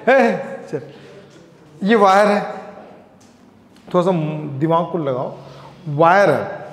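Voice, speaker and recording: A man's voice: high-pitched, expressive, slow, roomy sound, long reverb tail. A man teaching a physics class, joking with and teasing his students as he explains a problem. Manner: joking, scolding students playfully. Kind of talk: classroom lecture with banter.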